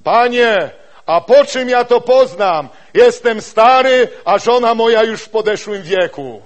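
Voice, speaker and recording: An anxious, elderly priest in a spoken sermon tale, pleading in a high, strained voice as a preacher puts him on. He questions and doubts what he has been told. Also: expressive, a little slow. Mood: doubtful.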